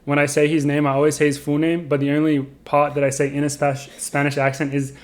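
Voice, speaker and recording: A man's voice: fairly high pitch, completely flat delivery, brisk. A man hosting a podcast, upbeat and joking as he chats. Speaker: podcast host. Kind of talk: casual chat.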